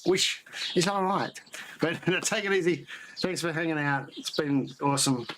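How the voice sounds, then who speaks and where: A man's voice: a little high, moderate pace. A man hosting a casual homebrew live chat, rambling and laughing as he signs off. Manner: rambling, chatty, laughs often. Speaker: homebrew channel host. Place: at home, near the garage, partly outdoors. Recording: noisy outdoor audio with birdsong.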